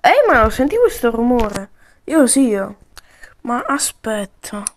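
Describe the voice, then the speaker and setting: A woman improvising playful, slangy role-play commentary over a video game, with sudden yells. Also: on the high side, very animated, measured pace, slight background noise.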